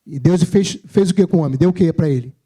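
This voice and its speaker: A man's voice: a little high, fast talker, warm tone, slightly rough. A Brazilian man preaching a sermon at a church service, telling personal stories in a humorous, self-mocking, conversational way.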